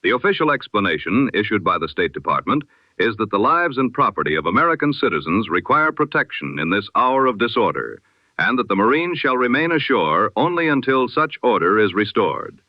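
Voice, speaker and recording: A man with a lowish, sing-song voice reads a scripted news bulletin a little fast, with no echo. He sounds like a formal, solemn 1920s radio announcer, delivering rhetorically through an old radio filter that gives a dull lo-fi sound.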